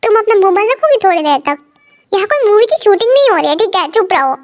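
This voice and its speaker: A woman's voice: very high-pitched, very animated, fast talker. A woman voicing a possessive young male mafia boss, talking in a blunt, commanding way.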